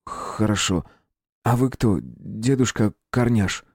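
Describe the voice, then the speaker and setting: A man's voice: fairly low pitch, lively intonation, takes it slowly, creaky, darkish tone, breathy edge, dry recording, clean studio sound, heavily acted. A man voicing a polite, curious young boy in an audiobook, asking hesitant questions. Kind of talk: audiobook character voice.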